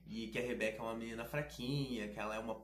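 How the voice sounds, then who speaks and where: A man talks through a video game with casual, sarcastic and slangy commentary. His voice sits at a middle pitch. The recording has a roomy, echoing sound. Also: fairly even intonation, racing, a little hiss or hum. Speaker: gaming video host. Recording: roomy echo.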